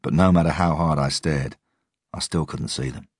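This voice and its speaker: A man reads a first-person story in a measured, steady way. His voice is extremely deep and somewhat husky, recorded close and dry with no room sound. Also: dry recording. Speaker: audiobook narrator. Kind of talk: first-person audiobook narration.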